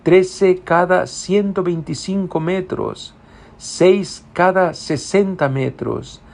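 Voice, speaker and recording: Man priest preaching a homily, kinda high voice, earnest, talks right to the congregation. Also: slow, vocal fry. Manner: earnest, addresses listeners as brothers and sisters.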